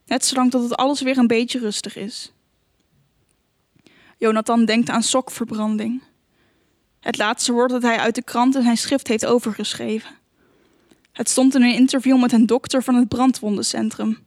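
A woman narrating an audiobook in a calm, measured, even reading voice. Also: fairly high pitch, no echo, clean studio sound. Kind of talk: scripted narration.

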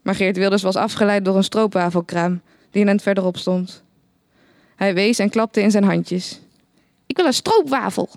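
A woman narrating a satirical short story in the first person, with a dry, deadpan manner. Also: medium pitch, moderate pace, no echo.

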